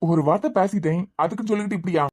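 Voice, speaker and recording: Someone voicing a quick defensive cartoon husband. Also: mid-range voice, a little mellow, slightly rough, close to an everyday voice. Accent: Kanyakumari Tamil. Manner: defensive, pleading. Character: young husband, police officer, defensive. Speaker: cartoon character. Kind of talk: cartoon web series dialogue.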